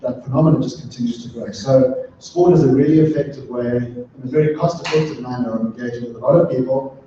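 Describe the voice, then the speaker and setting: The recording of this middle-aged panel guest is dull, echoey, distant and muffled, with a little background noise, captured in an event room before a live audience. A sustainability consultant from southern Africa, he speaks at medium pitch in a dark tone, halting thoughtfully with ums and restarts.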